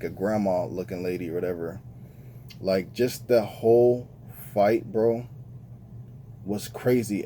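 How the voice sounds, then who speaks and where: A man's voice: lowish voice, dark tone, a little hiss or hum. A man giving a casual, slang-filled movie review with lots of fillers, talking straight to his viewers. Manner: laid-back slangy talk, many fillers.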